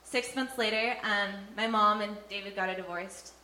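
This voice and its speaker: A woman's voice: medium pitch, steady tone, moderate pace, bright, forceful tone. A young woman giving an earnest, heartfelt personal faith testimony, with frequent fillers. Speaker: testimony speaker. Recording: echoey room with faint ambient noise.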